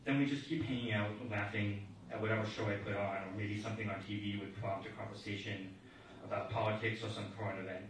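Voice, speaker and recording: Low-voiced man reading a eulogy. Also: fairly even intonation, quick pace. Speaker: grandson giving a eulogy. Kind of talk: read eulogy. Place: large echoey hall at a memorial service. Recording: echoey hall, voice from far off, faint noise.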